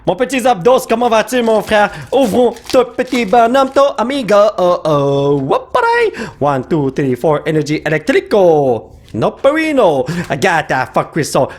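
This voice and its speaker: A young man with a Quebec French accent hosts a card-opening vlog, his voice sitting high and swinging widely. He sounds a little hoarse and keeps rattling off card names with eager excitement. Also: a little slow. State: slightly hoarse from shouting. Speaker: YouTuber opening trading card packs.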